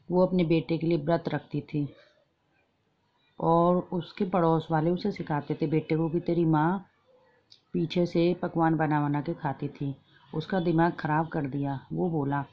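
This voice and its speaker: A woman casually retelling a folk fasting tale in a plain, homely way with repeated phrases and fillers. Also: low voice, highs cut off, a little hiss or hum. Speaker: storyteller.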